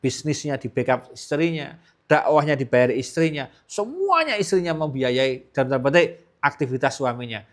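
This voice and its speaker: A middle-aged male preacher, telling a story in a sermon to a live audience, with big jumps in pitch and loudness and direct calls to his listeners. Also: big pitch swings, normal speed.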